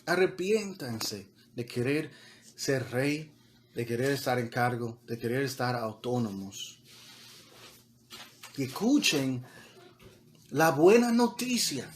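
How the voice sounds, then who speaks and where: A man's voice: mid-range voice, animated, takes it slowly, pauses often, slight background noise. A man preaching a sermon as pastor, talking conversationally with repeated words and building to emphatic peaks, mixing in English words.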